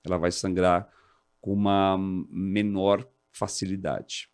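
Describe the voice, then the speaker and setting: A man in his forties, a fire department officer, talking as an interview guest in an animated, explanatory way. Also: slow, clear, resonant tone. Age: 40s. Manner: animated, explanatory, jumps high when quoting others. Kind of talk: casual interview talk.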